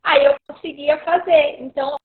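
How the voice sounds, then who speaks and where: High-voiced woman on a tinny video call that keeps cutting out, chatty tips. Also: fairly even intonation, moderate pace. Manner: conversational, explains with everyday examples. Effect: choppy, cutting-out online call audio. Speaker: co-host giving tips. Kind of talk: casual live-stream advice talk.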